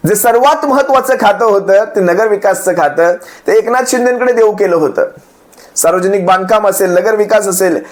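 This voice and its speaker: A man speaking as a party spokesperson, attacking a rival with rhetorical questions and repeated phrases. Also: high voice. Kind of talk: political speech addressing opponents.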